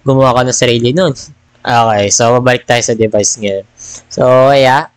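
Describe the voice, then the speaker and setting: A man talks casually as a gaming vlogger, rambling from point to point and slipping English phrases into his speech. His voice sits at an ordinary middle pitch. It comes through a headset mic with a dry, close sound and no room echo. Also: normal speed, clean tone. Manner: rambling, mixes Tagalog and English. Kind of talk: casual chat.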